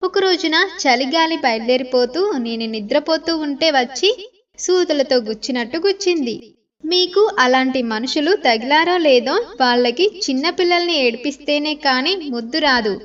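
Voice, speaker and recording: A woman narrating a bedtime story in an expressive, lively storytelling manner. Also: sits high, moderate pace. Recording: slightly distant, dull lo-fi sound.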